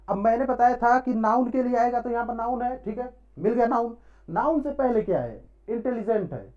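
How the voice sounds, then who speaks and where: Lively, mellow-voiced male grammar teacher. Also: very high-pitched. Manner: asks questions and answers them himself, repeating short check-ins. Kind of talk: classroom-style grammar lesson. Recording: dull lo-fi recording.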